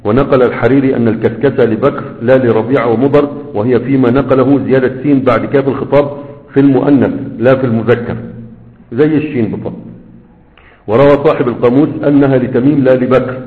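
A man with an Egyptian accent teaching a class. He reads a passage aloud, then explains it in colloquial asides and questions to his students, repeating words slowly. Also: medium pitch, fairly even intonation. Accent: Egyptian Arabic. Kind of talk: classroom lecture, reading a text aloud and explaining it. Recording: tinny phone-like audio in a long-reverb hall.

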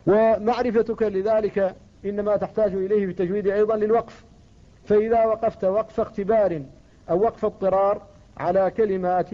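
A man teaching the rules of Quran recitation in a classical Arabic lecture, explaining in a measured way and slowing down to quote verses and poetry. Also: sits high, flat delivery. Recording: dull lo-fi recording.

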